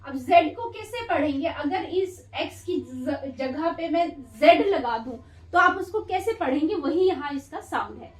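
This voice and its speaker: Woman, phonics teacher, high voice, sounds words out, echoey room, mic far off. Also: lively intonation. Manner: sounds words out slowly, repeating each one; calls her students "beta" warmly. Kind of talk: slow classroom phonics lesson.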